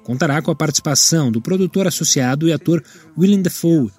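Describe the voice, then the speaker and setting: A man reading entertainment news bulletins in a steady, measured way. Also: a little high, husky, faint music behind. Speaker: news presenter.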